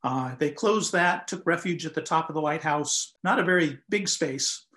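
Older male historian guest, slightly high voice, measured storytelling with fillers, video-call sound. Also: sharp tone. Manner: measured, explanatory, frequent "um" and "uh". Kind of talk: conversational historical account. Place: home room, indoors.

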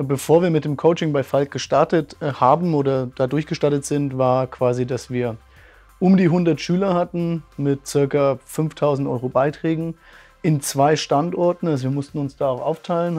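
Faint music sits behind a martial arts school owner in his thirties as he gives an earnest, thoughtful testimonial interview full of fillers. His voice is fairly high and a little mellow, with a steady tone and moderate pace, and he's indoors in a bright room with curtains.

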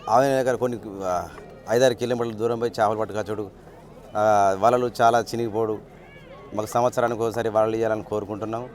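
A man with a Telangana Telugu accent talks quickly to reporters outdoors. He is a fisherman and organiser, and he speaks plainly and informally, often starting over. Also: fairly low pitch, fairly even intonation, darkish tone. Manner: plain-spoken, with restarts and dialect words. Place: outdoors at a lakeside event.

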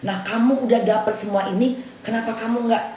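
A woman doing an eager, admiring boss who presses every question in a raised, emphatic voice, pitched above her own. The sound carries a roomy echo with a faint wash of ambient noise. Her delivery stays chatty and pointed. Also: fairly even intonation, brisk, a little mellow, lightly acted. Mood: insistent, admiring. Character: enthusiastic foreign boss, admiring and insistent.

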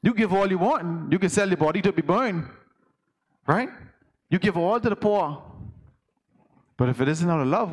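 A man with a Bahamian accent, an elder preaching a conversational sermon and asking the congregation questions. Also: on the high side.

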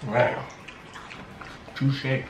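A man's voice: medium pitch, level tone, extremely slow. A man on a food vlog, chatting casually and teasing in joking banter. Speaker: mukbang vlogger. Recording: echoey room with clear background noise.

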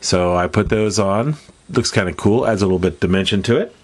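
A man's voice: lowish voice, fairly quick, a little hiss or hum. A congested man with a nasal voice, casually walking viewers through a hobby demonstration in a folksy, rambling way. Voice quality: stuffed-up, nasal. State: congested from allergies. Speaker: host of a model-building tutorial. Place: indoors at a hobby workbench.

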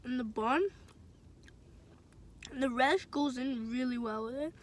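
A woman food vlogger talking slowly through a mouth full of burger, humming contentedly as she tastes. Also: sits high, steady tone, a little hiss or hum. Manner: slow, savoring, with contented hums. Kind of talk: casual food tasting vlog.

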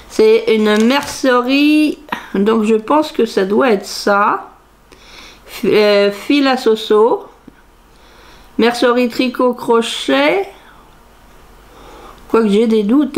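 A woman's voice: fairly high pitch, very slow, pauses often. A middle-aged woman chatting casually to camera from her craft room, musing aloud and half-singing repeated phrases as she hunts through her purchases. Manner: musing aloud, sing-song repeated phrases while searching. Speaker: crafts vlogger. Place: home craft room, indoors.

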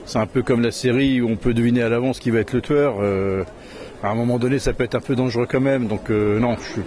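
A man's voice: medium pitch, steady tone, fast, darkish tone. Hesitant man in a street interview. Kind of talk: vox pop answer. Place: city square outdoors. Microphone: handheld interviewer mic.

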